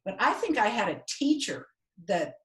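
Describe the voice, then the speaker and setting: A woman taking part in a workshop, sharing a comment in a reflective way with frequent pauses. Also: medium pitch, huge pitch swings, a bit bright. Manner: reflective, pausing often. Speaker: workshop participant. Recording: echoey room.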